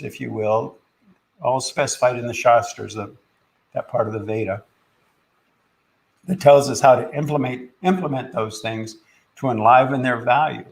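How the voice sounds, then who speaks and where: Gravelly man, halting podcast talk. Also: mid-range voice, low-quality recording. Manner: halting, many fillers and restarts. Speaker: podcast host and spiritual teacher. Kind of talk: casual spiritual talk.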